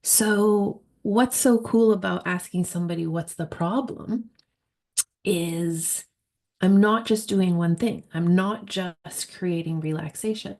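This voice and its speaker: A woman speaking as a hypnotherapist in an informal explanatory monologue, thoughtful and emphatic, pausing mid-phrase. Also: lowish voice, a little mellow.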